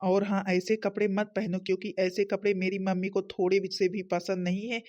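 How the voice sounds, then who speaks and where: An actor voicing a young cartoon husband who calmly soothes and instructs his wife. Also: mid-range voice, moderate pace, highs cut off, lightly acted. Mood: coaxing. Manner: soothing, lecturing. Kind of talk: cartoon story voice acting.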